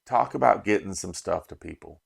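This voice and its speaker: A middle-aged man from Las Vegas, USA, who hosts a bourbon channel recaps an event in a casual vlog, rambling and heartfelt, often restarting his sentences. His voice is low, gravelly, and slightly rough, with lively intonation and a slightly fast pace.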